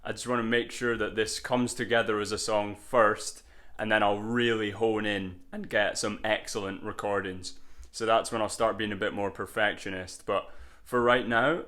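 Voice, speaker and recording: Brief: male songwriter vlogging, lowish voice, loose rambling delivery, filler-heavy. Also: fairly even intonation, moderate pace, bright, forceful tone. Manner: loose and rambling, with filler words and tag questions. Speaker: songwriter sharing album progress. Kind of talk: casual vlog talk.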